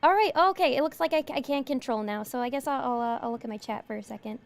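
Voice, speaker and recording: A woman's voice: on the high side, fast, creaky, a little mellow, slight background noise. A young woman from New York streaming a horror game, chatty and giggly as she talks to her chat. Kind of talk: let's play commentary.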